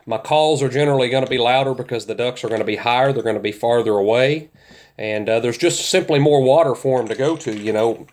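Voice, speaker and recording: A man's voice: mid-range voice, quick pace, a little mellow. A man gives informal instruction in a plain-spoken, folksy way as an experienced outdoorsman. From central Kentucky, United States. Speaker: duck hunter teaching calling techniques.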